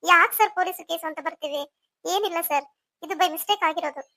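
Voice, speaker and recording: A woman's voice: very high voice, a little fast, pushed and bright, dry recording, studio quality, full character voice. A woman voicing a meek, apologetic young wife in a cartoon story. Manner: meek, pleading.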